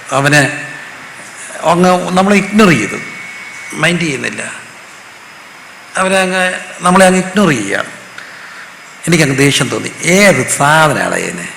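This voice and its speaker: A male pastor from Kerala preaching to a live congregation, his voice sitting a little high and sounding gravelly and bright. He keeps drawing the room in with questions and waits for them to answer back. The sound rings through a church hall with a long reverb and a faint hiss. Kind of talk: sermon.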